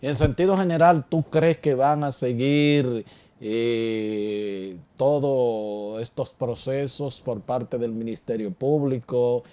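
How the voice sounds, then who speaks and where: Mellow-voiced TV host. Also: male voice, medium pitch, steady tone, slow pace, clean tone. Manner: conversational, hesitant with many fillers. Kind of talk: TV interview.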